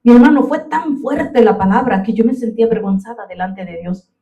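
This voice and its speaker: A woman's voice: a little high, a little fast, mellow, distant mic, dull audio. A woman preaching a fervent sermon in a church, often calling out to her brothers and sisters in the congregation. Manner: fervent, addresses listeners as brothers. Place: church sanctuary. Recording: echoey room, voice from off the mic.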